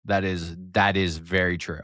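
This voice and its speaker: A man hosting a casual sports podcast alone, excitable and rambling, with a slight speech impediment that makes him mumble and trail off. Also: low-pitched, moderate pace, dry recording, studio quality. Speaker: podcast host. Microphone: close desk mic, sometimes turning off-axis.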